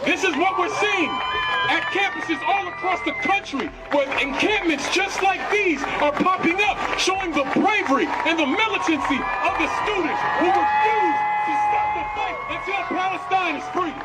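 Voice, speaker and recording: A man addressing an outdoor protest in a fiery, chanting style, stacking repeated lines. His voice sits very high. Loud music and a big crowd are heard behind him. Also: big pitch swings, normal speed, low-quality recording. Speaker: protest speaker. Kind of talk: rally speech.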